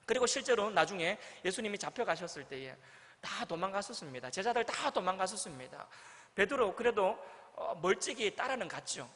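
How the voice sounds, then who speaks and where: A man's voice: very animated, brisk, a bit bright. A male pastor preaching a sermon, telling a story and acting out the quoted lines with dramatic swings. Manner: storytelling, acts out quoted lines with big swings in pitch and volume. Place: church sanctuary. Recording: church hall with long reverb.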